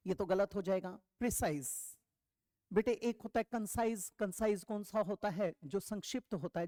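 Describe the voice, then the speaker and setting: A woman teaching an exam vocabulary lesson, asking questions and answering them herself, reading English definitions slowly. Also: medium pitch, a little mellow, dry recording. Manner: explains step by step, asks and answers her own questions, calls students "beta".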